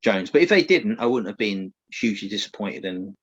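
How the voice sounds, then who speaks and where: A man's voice: fairly low pitch, lively intonation, fairly quick, fairly bright tone, husky, no room sound, lo-fi sound. A man co-hosting a casual football podcast over a video call, chatty and teasing, laughing often. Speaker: podcast co-host.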